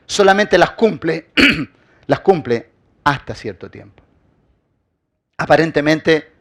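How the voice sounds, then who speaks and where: A slightly high-voiced man preaches a sermon as pastor, building his points through rhetorical questions and emphatic repetition, and he often goes quiet at the end of a phrase.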